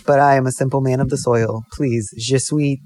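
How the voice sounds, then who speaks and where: A man's voice: mid-range voice, monotone, extremely slow, mellow, no room sound, clean studio sound. A man voicing a humble male French peasant farmer, earnest and pleading, in a playful put-on bit. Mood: wistful.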